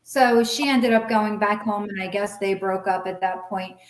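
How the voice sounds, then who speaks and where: A middle-aged guest relates her story in a candid, blunt manner, cursing freely and performing earlier conversations in lively quoted voices. She speaks at a moderate pace with a mid-range female pitch. Music plays in the background, and the room adds a clear echo.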